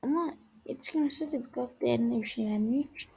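A fairly high-voiced woman talks through a game in casual commentary. She reacts excitedly and often exclaims as things happen on screen. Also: fast talker, gravelly, husky. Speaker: game channel host.

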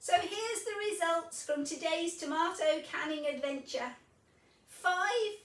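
A woman in her fifties talks through her cooking in a cheerful, chatty way, explaining each step. Her voice sits high and her pace is relaxed and slow. The sound is roomy, picked up by a camera a little way off in her kitchen. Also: far from the mic. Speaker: home cooking vlogger. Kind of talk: casual kitchen demonstration. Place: home kitchen, indoors. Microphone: camera mic at a distance.

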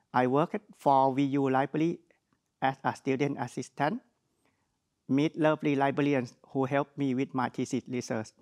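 A young man speaks with a clear Thai accent, delivering an earnest prepared speech with plain wording and a few light jokes. His voice sits in an ordinary middle pitch, and he was recorded at a podium in a studio. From Thailand. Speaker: graduate speaker. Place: studio with virtual backdrop.

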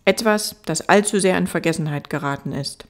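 A woman voicing a gentle, wise fox in an audiobook, earnest and patient as it explains. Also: fairly low pitch, a little fast, natural voice.

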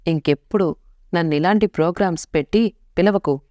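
A woman's voice: fairly low pitch, a little fast, warm tone, no echo, muffled recording, lightly acted. Woman reading a teasing, possessive young man. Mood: curt. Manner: mocking and curt.

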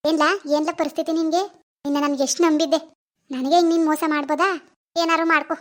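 A woman's voice: high voice, level tone, close to an everyday voice. A woman voicing an angry middle-aged village mother who scolds her son with insults in a cartoon. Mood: furious scolding. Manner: scolding, insulting, rapid-fire rebukes. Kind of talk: cartoon voice acting.

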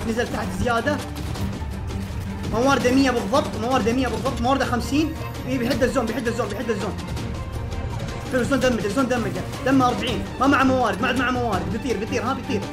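A man, streaming a game and calling out to his teammates with urgent repeated commands that burst into excited shouting. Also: extremely high pitch, rapid-fire. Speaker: gaming streamer. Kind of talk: live game commentary to teammates. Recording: loud game music under voice. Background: game music and gunfire.

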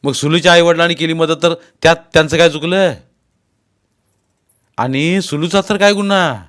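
A male narrator playing an older father who scolds and lectures the family in a loud, commanding voice. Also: on the high side, steady tone, normal speed, pitched above the performer's own voice, lightly acted. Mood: stern.

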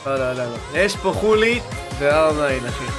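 A young man giving excited, slangy commentary while opening game packs, pleading for good cards and shouting at big pulls. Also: a little high. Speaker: gaming YouTuber. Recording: music playing underneath.

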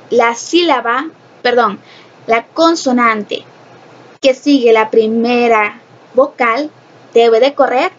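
A woman gives a phonics lesson in a slow, unhurried way, with a voice pitched a little high. She explains each step patiently and often repeats her point or checks with a question. The recording is dull and lo-fi, with a faint hiss behind her. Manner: explains slowly, repeats and asks rhetorical questions; mixes Spanish and English. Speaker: English phonics teacher. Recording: dull lo-fi sound with faint noise.

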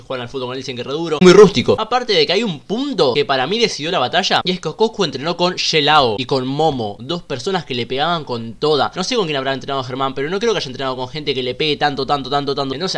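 A young man from Argentina with a Rioplatense accent, chatting excitably through a casual reaction commentary. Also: a little high. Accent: Rioplatense Argentine Spanish. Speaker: reaction content creator.

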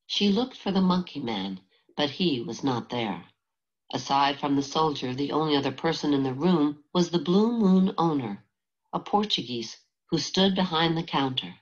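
A woman reading a novel aloud as an audiobook narrator, in a steady, measured way. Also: sits low, husky, highs cut off. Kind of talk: scripted narration.

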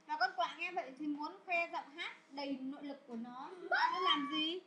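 A woman teaching English to a class of children, asking questions loudly and scolding pupils who don't focus. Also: high-pitched, big pitch swings, normal speed, very noisy. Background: children chattering.

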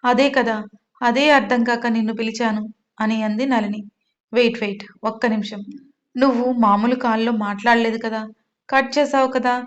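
A woman's voice: fairly high pitch, steady tone, moderate pace. A woman hosting her own channel, narrating a serialized audio story and reading every character's lines herself with little change of voice. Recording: slightly dull, lo-fi sound.

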